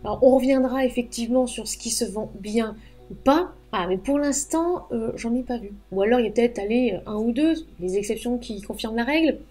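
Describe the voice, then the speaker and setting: A woman's voice: on the high side, a little fast, darkish tone. A woman giving writing advice straight to camera, chatty and emphatic, with frank asides. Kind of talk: casual advice monologue to camera.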